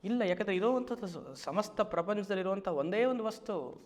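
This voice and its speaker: A man, a spiritual teacher giving a Vedanta discourse, who stretches key phrases slowly and keeps asking his listeners rhetorical questions. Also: high voice, lively intonation, a little mellow, in a large hall. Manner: slow, drawn-out emphatic phrases and frequent rhetorical questions.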